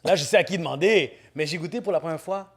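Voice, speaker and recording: A man, a guest artist in casual podcast banter, animated and mixing in English slang. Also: fairly high pitch, fast talker. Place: podcast studio.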